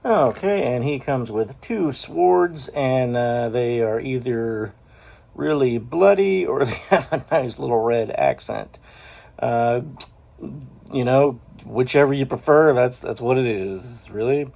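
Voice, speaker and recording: A man's voice: mid-range voice, animated, slow, vocal fry, darkish tone. A man hosting his own toy review show, talking through an unboxing in a rambling, chatty way, often correcting himself with a chuckle. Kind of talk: casual unboxing chat.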